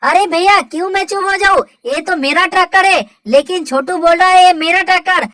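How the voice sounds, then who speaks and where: Woman playing a bratty possessive kid, squeaky high, dry no-room sound. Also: brisk, fairly bright tone, no echo. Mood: stubborn. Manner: stubborn, complaining. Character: boy Motu, stubborn and possessive. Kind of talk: toy play-acting for kids.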